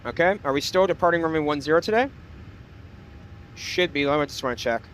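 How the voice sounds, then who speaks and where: A man's voice: a little high, expressive, a little fast, a bit bright, a little hiss or hum. A man flying a simulator, chatting casually and calling out checklist items as pilot. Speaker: flight sim streamer acting as pilot. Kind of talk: casual cockpit chat with checklist calls.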